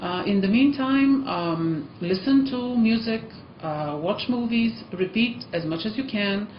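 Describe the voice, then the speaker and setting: Animated and a little slow, with a slightly high voice, this Eastern European-accented teacher from Eastern Europe cheers on her learners in a casual vlog, using lots of ums and uhs. The room sounds echoey and muffled, with a bit of hiss or hum.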